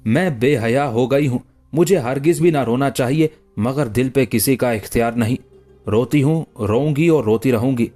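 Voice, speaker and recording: A man's voice: mid-range voice, moderate pace, dark tone, soft background music, close to an everyday voice. A man reading the lines of a grieving, tearful young woman in an audiobook story. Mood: mournful.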